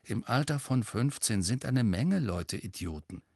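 A man reading an audiobook, voicing a loyal, hot-tempered grown man who speaks low and emphatic. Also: lively intonation, unhurried, a little mellow, no room sound, clean studio sound. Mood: earnest.

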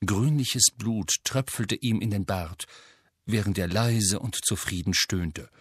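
A man narrating an audiobook in a measured, even storytelling manner. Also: on the low side, husky, no room sound, clean studio sound. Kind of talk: scripted narration.

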